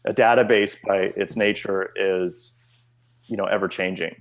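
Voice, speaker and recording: A man explaining technical details in a relaxed, confident way during a casual chat. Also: low-pitched, normal speed.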